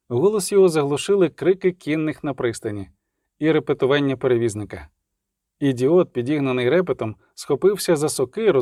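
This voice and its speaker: A man reading a novel aloud in steady scripted narration, with a wry touch. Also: on the high side, dry recording, studio quality. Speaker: audiobook narrator.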